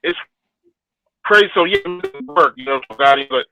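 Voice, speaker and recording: A man speaking in casual chat over a clipped phone line that keeps breaking up. He talks emphatically and is quick to scoff. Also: medium pitch, lively intonation, music in the background. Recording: dry, dull lo-fi call line.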